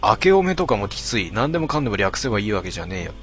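Wry deadpan man reading comments. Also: on the low side, racing, soft background music. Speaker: host reading out listener posts.

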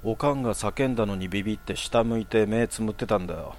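A young man telling a personal horror story in a hushed, casual way. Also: on the low side, quick pace, a little hiss or hum.

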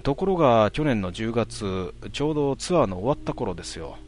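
A man telling a ghost story in a hushed voice, with drawn-out words and dramatic pauses. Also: medium pitch, sing-song, faint music behind.

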